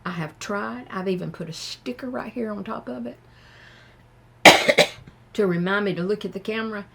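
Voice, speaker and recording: An older woman with a Southern US accent gives frank, plain-spoken advice to her viewers, talking slowly and thoughtfully. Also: mid-range voice, creaky, very noisy. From American South. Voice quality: slow and thoughtful. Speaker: vlogger. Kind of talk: casual advice talk to camera.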